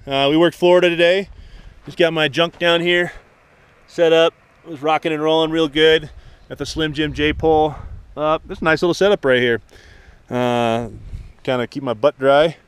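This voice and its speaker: Clear, slightly high-voiced man outdoors. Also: fairly bright tone, no room sound. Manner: laid-back, slangy. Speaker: vlog host and amateur radio operator. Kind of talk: casual outdoor vlog and radio call-outs. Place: outdoors on a snowy mountain peak. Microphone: action camera.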